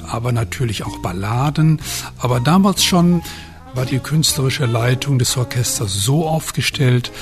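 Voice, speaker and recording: A man in an interview, explaining orchestra matters in a matter-of-fact way. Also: mid-range voice. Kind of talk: interview answers.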